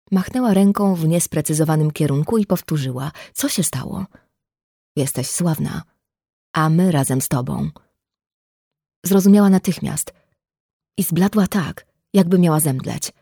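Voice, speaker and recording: A woman's voice: sits low, dark tone, husky, no room sound, clean studio sound. A woman reading a novel aloud as an audiobook narrator, voicing every character herself with small shifts of tone. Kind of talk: scripted narration.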